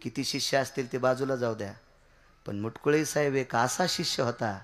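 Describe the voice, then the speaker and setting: A man preaching a devotional kirtan sermon, swinging from shouted high outbursts to low quiet asides. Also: normal speed.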